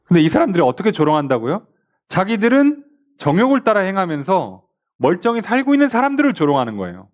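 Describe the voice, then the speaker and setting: A man's voice: sits high, fast talker. Pastor guy teaching bible study in church, voice jumps all over, quizzes the class, mimics the mockers. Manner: animated, asks the class questions and mimics scoffers.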